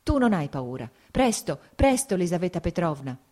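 A woman's voice: fairly low pitch, big pitch swings, moderate pace, a little mellow. A woman reading aloud and voicing a desperate young husband, urgent and panicked in a raised voice. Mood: anguished. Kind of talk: audiobook character reading.

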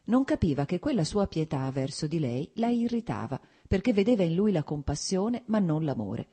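A woman narrating a classic novel, her voice low and dark with a husky grain. She reads in a measured, literary way. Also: big pitch swings. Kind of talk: scripted narration.

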